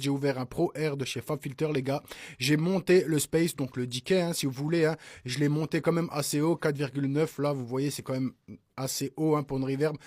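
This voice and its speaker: A man walks his viewers through a music production technique in a relaxed, chatty way, constantly checking they follow along. His voice sits a little high for a man. The sound is dry, with no room around it. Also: no room sound. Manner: chatty, peppers speech with "hein" and "d'accord?"; addresses viewers as "les gars". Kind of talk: casual screen-recorded tutorial.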